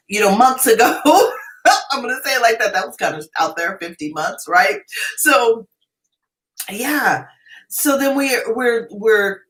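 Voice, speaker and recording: A woman's voice: on the high side, fairly bright tone, rough recording. Chatty woman in her fifties reading tarot. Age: 50s. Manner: chatty, rambling, with frequent restarts and everyday examples. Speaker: tarot reader. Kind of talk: live tarot reading and teaching.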